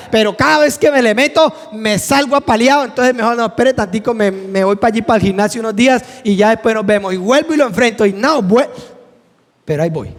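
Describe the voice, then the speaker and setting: A middle-aged man, teaching a church class earnestly and acting out the dialogue in his personal stories. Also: very high-pitched. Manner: earnest, acts out dialogue vividly. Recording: echoey hall with long reverb.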